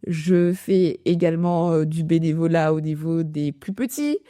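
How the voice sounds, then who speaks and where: Woman chatting solo on a podcast, lowish mellow voice with a robotic glitchy effect, really dry sound. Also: unhurried, no room sound. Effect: robotic artifact on the voice. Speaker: podcast host, productivity coach. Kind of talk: informal solo podcast talk.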